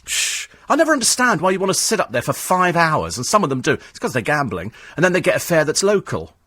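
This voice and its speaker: A man's voice: fairly high pitch, big pitch swings, fast talker, a bit bright, no echo. A man, a radio talk show host ranting sarcastically in a studio. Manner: sarcastic, mocks cabbies in put-on voices.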